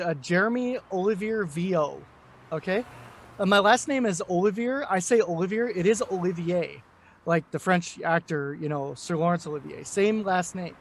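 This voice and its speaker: A man from the United States talks loosely as a guest, his voice sitting high for a man. He wanders through his points with plenty of fillers and false starts. The tone is easygoing interview chat. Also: a little hiss or hum. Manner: rambling, many fillers and restarts. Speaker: guest, English teacher. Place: home in Korea.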